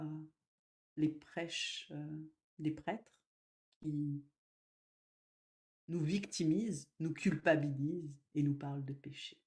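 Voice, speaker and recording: A woman medium giving a spiritual live talk, gentle and slow, with sudden loud emphasis and soft drops. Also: low voice.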